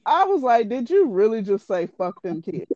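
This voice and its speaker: Woman, high voice, animated and profane storytelling, dull lo-fi dry recording. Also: normal speed, dry recording. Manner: animated, profane, exasperated retelling. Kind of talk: casual storytelling.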